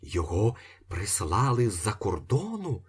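A man voicing an anxious middle-aged woman who pleads urgently, in a husky voice pitched somewhat up. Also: wildly swooping pitch, measured pace, full character voice. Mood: pleading.

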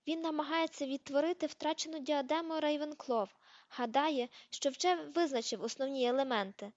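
A woman's voice: high-pitched, normal speed, lo-fi sound, pitched above the performer's own voice, natural voice. A woman reading the part of an odd teenage girl who talks in a light, offhand way. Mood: dreamy.

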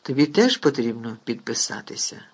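A man with a husky voice voicing a calm, wry old wizard headmaster in a storybook reading. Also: medium pitch, moderate pace, pitched below the performer's own voice. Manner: calm, amused.

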